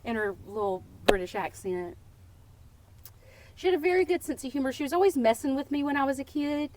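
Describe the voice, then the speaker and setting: A woman from Texas, a podcast guest telling casual, playful stories in a lively way. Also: high-pitched, fairly quick, very noisy. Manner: lively, playful and warm-humored. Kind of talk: casual storytelling.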